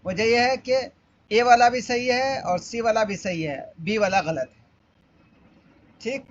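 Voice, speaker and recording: A man teaching Arabic through an exam paper, explaining step by step and repeating each question. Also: high voice. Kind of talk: exam-paper walkthrough lesson. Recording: dull lo-fi audio, faint background noise.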